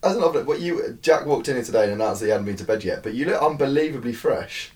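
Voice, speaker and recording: A young man hosting a casual podcast, teasing his guests with quick quips. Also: mid-range voice, lively intonation, a little mellow, slight background noise. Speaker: podcast host. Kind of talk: casual chat.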